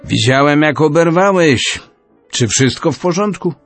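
Man reading as a kindly old stranger, husky, lively in pitch. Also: measured pace, dry recording, faint music behind. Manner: good-natured, warning.

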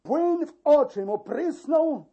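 Slow, dark-voiced male verse reader. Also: very high voice. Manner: slow, expressive storytelling. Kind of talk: dramatic verse narration. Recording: dull lo-fi recording.

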